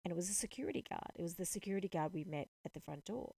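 Low gravelly woman telling a story. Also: very fast, no echo. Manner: animated, indignant retelling with quoted dialogue. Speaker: podcast host. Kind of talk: storytelling monologue.

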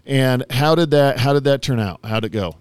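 A man with a mid-range voice hosts a relaxed chat with his daughter. He teases her lightly and keeps an easygoing, playful tone. He talks at a loose, unhurried conversational pace. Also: medium pitch. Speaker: father interviewing his daughter, host. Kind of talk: casual chat.

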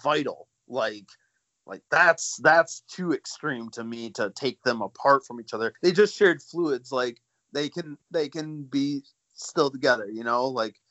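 A man's voice: mid-range voice, unhurried, a bit bright, no echo. A young man talking as a guest artist in a casual chat, jokey and chatty. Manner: jokey, chatty, laughs easily.

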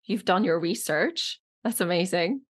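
Norwegian-born actress in her 30s, British-leaning accent, lowish voice, easy rambling interview chat. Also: animated, a little slow, slightly rough. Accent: British-leaning, not clearly foreign. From Norway. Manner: chatty, many fillers and restarts. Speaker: actress, guest.

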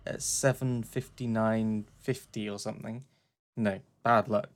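A man's voice: fairly low pitch, fairly even intonation, measured pace. British guy cohosting a chatty podcast, dry jokes, bit run down after being sick. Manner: dry, self-mocking humour. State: recovering from illness. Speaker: podcast co-host. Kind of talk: casual chat.

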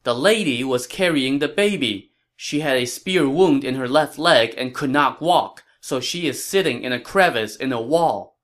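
A man's voice: mid-range voice, lively intonation, moderate pace, few pauses, fairly bright tone, close to an everyday voice. A man doing a plain-spoken civilian. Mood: matter-of-fact. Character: ordinary civilian man, helpful witness.

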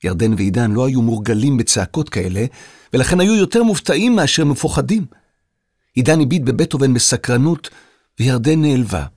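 A man narrating a children's audio story in an expressive storytelling manner. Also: mid-range voice, no room sound, studio quality.

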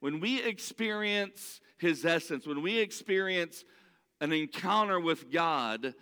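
Speaking with heartfelt conviction, a man delivers a sermon in English, a language he learned later, frequently faltering and starting sentences over. His high voice is smooth and resonant with a sharp edge, moving slowly with lively intonation. A lingering reverb trails behind him, like the echo of a church hall.

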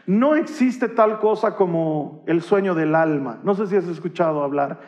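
A male pastor, preaching a sermon with animated delivery and humorous acted-out Bible scenes. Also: sits high, moderate pace, big-room sound, highs cut off.

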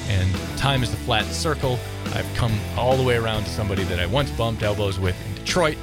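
An American man hosting a podcast in casual, upbeat chat, with an animated, excited delivery. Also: fairly low pitch, brisk, over loud music. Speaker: podcast host.

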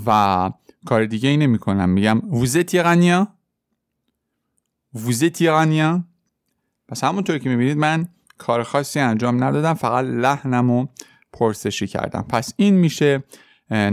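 Man, podcast French tutor, patient step-by-step explainer, mid pitch, dry close sound. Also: dry recording. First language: Persian. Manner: explains step by step, repeats French example sentences slowly. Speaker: French teacher. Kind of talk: podcast language lesson.

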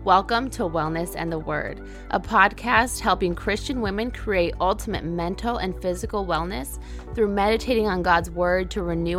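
A woman's voice: on the low side, fairly bright tone. A woman who hosts a podcast and works as a health coach, giving a friendly, upbeat scripted welcome. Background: music bed.

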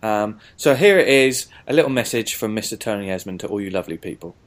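A man's voice: fairly low pitch, animated, quick pace, very noisy. A British man hosting a podcast, mixing scripted introduction with casual chat in a jokey, theatrical way. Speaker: podcast host.

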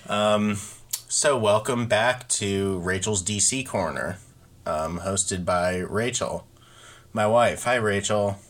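A man's voice: fairly low pitch, slow. A man co-hosting a podcast, chatting casually and jokingly with many filler ums. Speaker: podcast co-host.

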